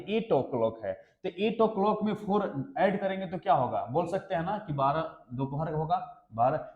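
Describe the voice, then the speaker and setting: A man's voice: fairly high pitch, highs cut off. A male maths teacher giving an exam-prep lesson, explaining step by step and often checking if the class understands. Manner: explains step by step, keeps asking the class questions. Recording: echoey room.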